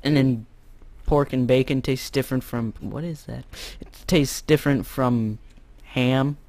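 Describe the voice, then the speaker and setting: Slow-talking young American gamer guy. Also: mid-range voice. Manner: chatty, jokey, bursts into loud shouts. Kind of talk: casual gameplay commentary.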